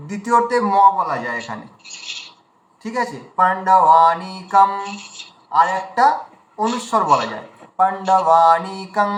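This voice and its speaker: Patient male recitation teacher on a video call, high and bright, slow demonstrations, echoey room. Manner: patient, repeats words very slowly to demonstrate; often checks understanding with a question. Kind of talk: online class teaching.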